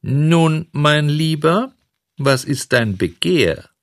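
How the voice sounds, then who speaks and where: A man voicing a gruff, fearsome but soft-hearted puppet-theatre director while reading a storybook aloud. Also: medium pitch, big pitch swings, unhurried, no room sound, studio quality, full character voice. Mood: grudging.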